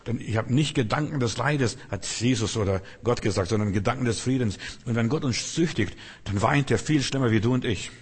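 A man's voice: mid-range voice, a little fast, hardly any pauses, breathy edge, in a large hall. A man preaching a sermon, earnest and exhorting, speaking straight to the listener.

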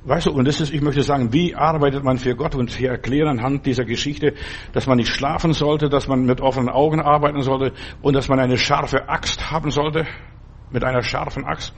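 A man's voice: mid-range voice, fairly even intonation, a little fast, a little hiss or hum. A man preaching a sermon and reading a Bible story, talking in an earnest, fatherly way straight to the listener.

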